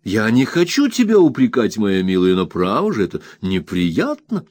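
A patient young husband, as read by a male narrator, soft and earnest, pleading gently with a lively, rising and falling pitch. The voice sits dry and close to the mic. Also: normal speed, no echo. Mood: gentle.

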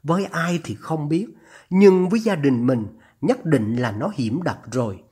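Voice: medium pitch, animated, unhurried, warm tone, breathy edge. A narrator voicing an anxious older mother on the phone, her trembling voice urgent and scolding as she pleads.

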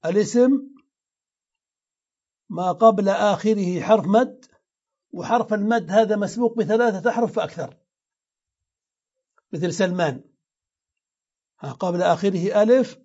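A man's voice: sits high, darkish tone. A man giving a classroom grammar lesson, explaining step by step and repeating example words aloud. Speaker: teacher of grammar. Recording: dull lo-fi lecture recording.

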